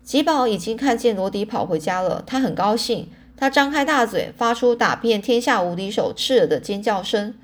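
A woman narrating a storybook in the first person, animated, lifting her voice for quoted speech. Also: medium pitch, moderate pace, few pauses. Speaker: audiobook narrator.

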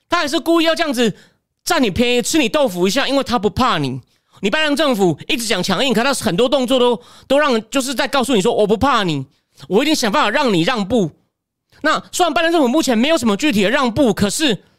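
Fast, high-voiced male political commentator. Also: a bit bright, no room sound, clean studio sound. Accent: Taiwanese Mandarin. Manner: opinionated, rhetorical questions to the viewer.

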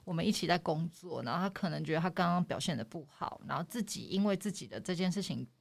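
A woman, talking as a guest in a relaxed chat. Her voice sits a little low, and she explains her views at length in a candid, reflective way. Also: fast, vocal fry. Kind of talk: casual chat.

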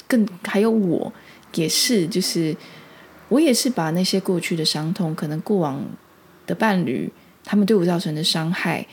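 Lady rambling thru a story, husky low-ish voice, lots of restarts. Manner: rambling, with many restarts and fillers. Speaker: spiritual vlogger. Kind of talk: casual storytelling monologue.

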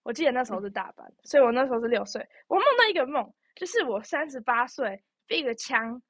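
Young woman, podcast co-host; fast, chatty, animated storyteller, dry studio sound. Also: a little high, dry recording. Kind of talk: casual chat.

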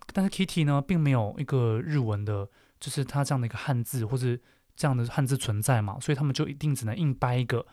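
A man's voice: mid-range voice, no room sound, clean studio sound. A man chatting casually as a host, thinking aloud with many fillers and restarts. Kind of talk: casual solo chat explaining Japanese names.

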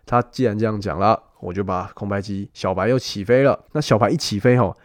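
A man's voice: fairly low pitch, fairly quick, dry recording, studio quality. Chatty storyteller man. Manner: animated, chatty, addresses the listener directly. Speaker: podcast host. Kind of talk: storytelling travel podcast.

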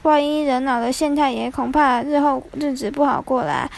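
A woman's voice: high-pitched, lively intonation, normal speed, vocal fry. A woman voicing an anxious, eager young husband in a storybook tale, earnest and a little flustered.

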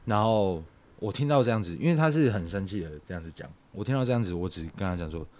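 A young man, telling a personal story on a podcast in a halting, reflective way. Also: lowish voice, lively intonation, a little mellow. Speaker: podcast co-host. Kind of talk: casual podcast chat.

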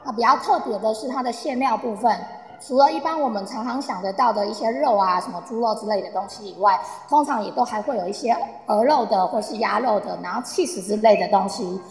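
With soft music behind her, a woman performs a radio-play role as an eager, chatty tour guide, explaining patiently and coaxingly. Her fairly high voice moves fairly quickly and stays close to everyday speech. The recording has an echoey, reverberant room quality.

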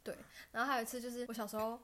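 Animated young woman telling stories. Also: on the high side, racing, noisy background. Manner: animated storytelling, bursts of laughter and loud self-cheers. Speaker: podcast guest. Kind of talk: casual chat.

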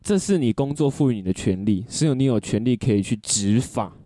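Guy cohosting, talks fast and bouncy, lots of agreeing hums, mellow dry voice. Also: medium pitch, expressive, dry recording. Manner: frequent hums of agreement, emphatic. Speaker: podcast co-host. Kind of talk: casual chat.

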